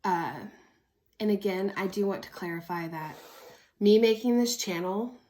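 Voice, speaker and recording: Here an Oklahoma woman in her early thirties vlogs about her own life, casual and frank, chatting in an American accent. Her voice has a dark tone at medium pitch, and she talks at a normal speed.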